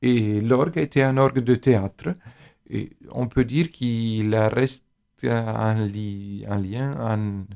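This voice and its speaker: Creaky-voiced man with foreign accent in French. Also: fairly low pitch, a little mellow. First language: Italian. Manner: halting, searching for words in imperfect French. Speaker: musician interviewed as expert on organ music. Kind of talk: explanatory interview talk.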